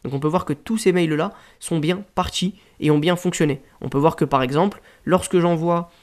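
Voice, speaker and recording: A man with a French accent talking casually through a software tutorial, full of fillers and restarts. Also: on the high side, a little fast. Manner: casual, rambling explanations with frequent fillers. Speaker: WordPress tutorial host. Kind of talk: screen-share tutorial.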